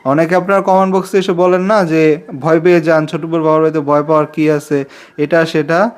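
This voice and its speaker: Young male vlogger, twenties, slightly high voice, rambling, confiding to camera. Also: level tone, fairly quick. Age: 20s. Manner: chatty and confiding, repeats himself, pleads for subscribers. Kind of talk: casual talking-to-camera vlog.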